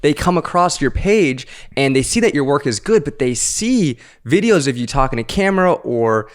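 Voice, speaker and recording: Male co-host, middle pitch, easygoing, conversational, filler words. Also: normal speed. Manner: relaxed, conversational, uses fillers. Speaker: podcast co-host. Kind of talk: casual podcast chat.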